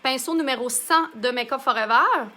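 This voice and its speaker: A woman's voice: sits high, normal speed, bright, forceful tone. A woman with a Québécois accent hosting a live makeup demonstration, chatting and answering viewer comments as she works. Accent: Québécois French.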